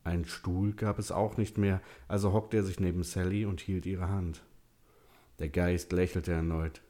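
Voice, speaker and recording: Male audiobook narrator, very low voice, calm and measured.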